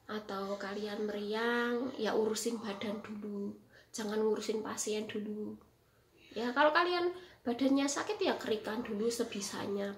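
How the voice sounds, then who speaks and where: A woman's voice: mid-range voice, a little hiss or hum. An Indonesian woman working as a live-in caregiver in Taiwan, giving emphatic, repetitive advice to fellow workers in a casual vlog. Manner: emphatic, repeats herself, frequent tag "ya, teman-teman". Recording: roomy echo with faint background ambience.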